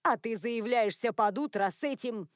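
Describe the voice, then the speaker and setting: A woman's voice: fairly high pitch, normal speed, no echo, studio quality, natural voice. A woman voicing a stern werewolf grandmother. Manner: lecturing, cold and controlling.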